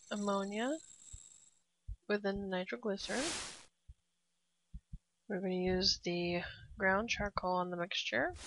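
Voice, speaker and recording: A woman casually narrating a game walkthrough step by step, relaxed and prone to laughing. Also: medium pitch, a little hiss or hum. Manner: relaxed, laughs often, cheers at a blast. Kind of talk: casual gameplay commentary. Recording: dry, slightly dull lo-fi.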